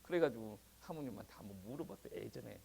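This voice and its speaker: A male pastor preaching a sermon in a conversational, animated way, often chuckling. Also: medium pitch, fast, creaky, slight background noise. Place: church.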